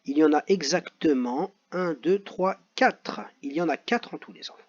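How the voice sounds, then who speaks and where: A man teaching young pupils, reading out exercises and saying each word slowly twice. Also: fairly high pitch. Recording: dull lo-fi audio.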